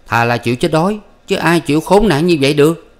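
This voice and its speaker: A male audiobook reader voicing a cheeky young farmhand who needles a slow coworker. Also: fairly high pitch, animated, voice pushed up, natural voice. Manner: cheeky, prodding.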